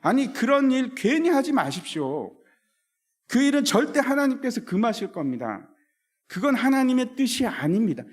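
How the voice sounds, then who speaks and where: A man's voice: extremely high pitch, sing-song, moderate pace, pitched above the performer's own voice, exaggerated voice. A man acting out the apostle Peter as an adult man, rebuking with insistent pleading. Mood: urgent rebuke.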